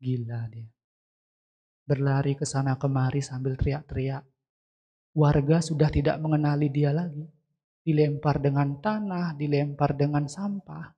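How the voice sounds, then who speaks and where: A man's voice: fairly high pitch, steady tone, a little slow, breathy edge. A man, a Buddhist monk, telling a story in a sermon and turning to ask his listeners questions. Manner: storytelling, asks the congregation questions directly. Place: temple hall. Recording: dull lo-fi sound.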